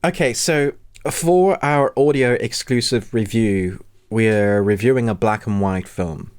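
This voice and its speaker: A man's voice: fairly low pitch, measured pace, clean tone. A man hosting a podcast in casual chat, upbeat and laughing a lot. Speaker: podcast host.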